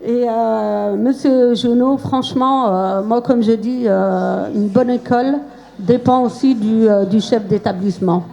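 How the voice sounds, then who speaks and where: A woman's voice: a little high, fairly even intonation, unhurried, gravelly, warm tone, low-quality recording. A woman giving an unscripted testimony at a school event, hesitant, with many fillers and restarts. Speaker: former pupil giving testimony. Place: school event before children.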